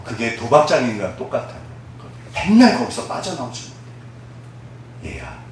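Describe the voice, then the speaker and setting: Animated man preaching in an echoey hall. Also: mid-range voice, normal speed, distant mic, a little hiss or hum. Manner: lively, conversational preaching with call-and-response questions; acts out quoted voices, dropping to a soft hush. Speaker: pastor. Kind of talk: sermon.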